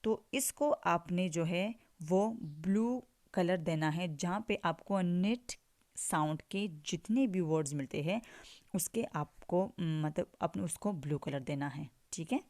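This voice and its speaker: Slow, low-voiced woman teacher drilling phonics. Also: a little mellow. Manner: slow drills, spells words letter by letter then says them; mixes English words into Hindi, repeats "ठीक है" often. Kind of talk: online English phonics lesson.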